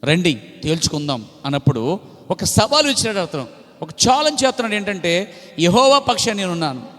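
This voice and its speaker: A man's voice: high voice, very animated, fairly quick, fairly bright tone. A man preaching a sermon, with emphatic repetition and frequent praise interjections. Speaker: pastor. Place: church hall. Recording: long hall reverb.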